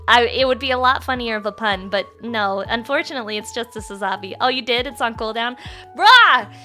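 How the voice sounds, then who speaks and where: A woman livestreamer chatting casually and excitably with her viewers in a cute, bubbly anime-streamer manner. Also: a little high. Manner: crude, playful swearing banter. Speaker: live streamer host.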